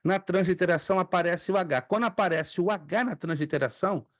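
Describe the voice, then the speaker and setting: During an online class lecture, a middle-aged theology teacher from Brazil, a native Spanish and Hebrew speaker, patiently repeats words for his students to say back. He talks fairly quickly in a high voice.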